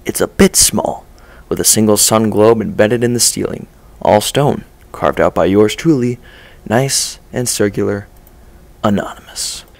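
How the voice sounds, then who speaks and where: A man reads a dark first-person story aloud. His low voice has a gravelly edge, and he narrates in a measured, low-key way. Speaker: story reader.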